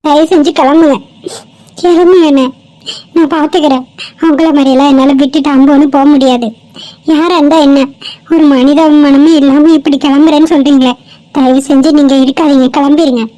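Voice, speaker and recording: Woman voicing a kind-hearted cartoon girl, high and pleading, loud and urgent. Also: fairly even intonation, moderate pace, lightly acted, rough recording. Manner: pleading, earnest. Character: kind young woman pleading to help a stranger.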